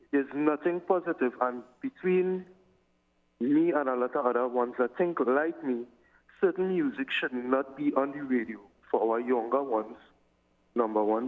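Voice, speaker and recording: Man calling in over a phone. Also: medium pitch. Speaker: caller. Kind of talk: phoning in to a radio panel. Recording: tinny phone line.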